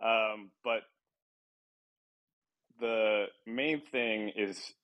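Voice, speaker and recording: A man's voice: lowish voice, steady tone, very slow, a bit bright, dry recording, lo-fi sound. A young man hosting a podcast, chatting casually in a rambling, self-deprecating way and laughing often, sounding a little tired. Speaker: podcast host. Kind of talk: casual chat.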